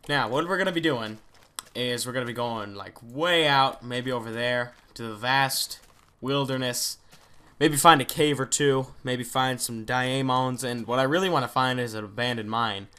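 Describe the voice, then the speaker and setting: A man's voice: mid-range voice, normal speed, sharp tone, smooth. A man hosting a gaming video, chatting casually and thinking aloud as he plays, often trailing off into mutters. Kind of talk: let's play commentary.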